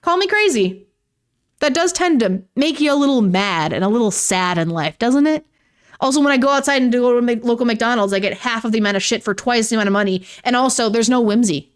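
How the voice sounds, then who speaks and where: A woman's voice: on the high side, quick pace, clean tone. A young woman, giving a casual vlog commentary in a ranting, sarcastic way and swearing freely. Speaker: YouTuber.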